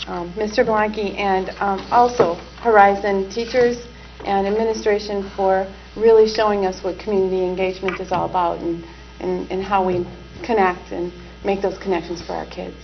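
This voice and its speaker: A woman's voice: medium pitch, steady tone, moderate pace. A woman on a school board, reading out items at a meeting with frequent ums. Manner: reads items with frequent fillers. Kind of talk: meeting business. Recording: dull community TV audio.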